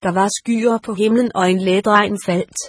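Calm woman audiobook narrator, husky tone, dry close read. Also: mid-range voice, no echo. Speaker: audiobook reader. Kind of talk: storybook narration read aloud.

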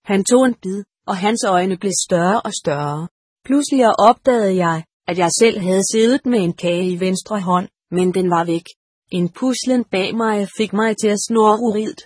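A woman narrating a first-person audiobook in a steady, measured way. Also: medium pitch, slightly rough, no room sound, studio quality.

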